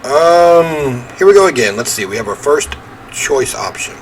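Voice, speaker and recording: A medium-pitched man hosts a gaming video at a measured pace, his intonation lively as he reads game text aloud and makes casual asides. Crowd noise and other sounds run behind him, and the audio is poor.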